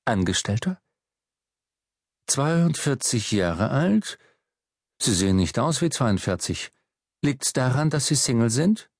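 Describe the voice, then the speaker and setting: A man's voice: mid-range voice, a little mellow, no echo, clean studio sound. A man playing a patronizing job interviewer. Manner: probing, patronizing questions. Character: condescending male job interviewer. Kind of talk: audiobook reading.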